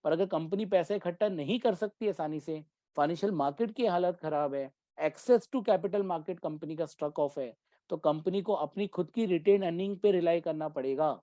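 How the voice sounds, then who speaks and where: Mellow-voiced man teaching a class. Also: fairly high pitch, moderate pace, dry recording. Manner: keeps checking in with students; mixes Hindi with English terms. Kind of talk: exam-prep commerce lecture.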